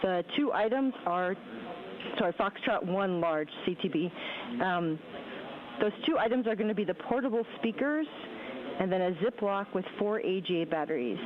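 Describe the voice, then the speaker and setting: A woman relays instructions in astronaut radio style from mission control. Her medium-pitched voice comes through a thin, tinny radio transmission. Her delivery is precise and procedural. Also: lively intonation, normal speed, a crowd in the background. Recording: tinny, narrow phone-like radio link.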